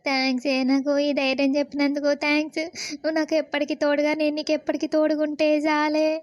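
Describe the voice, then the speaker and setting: A woman's voice: high-pitched, completely flat delivery, fast talker, no room sound, natural voice. A woman voicing a tearful young bride in a cartoon, speaking with a Telangana accent and a pleading tone. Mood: heartfelt. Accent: Telangana Telugu. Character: tearful young bride leaving her parents' home. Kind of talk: cartoon voice acting.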